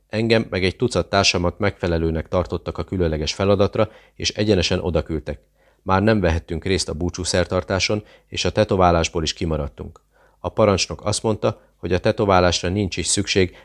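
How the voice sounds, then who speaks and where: A man reading a thriller audiobook aloud, narrating and voicing the dialogue in a steady, measured way. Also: low voice.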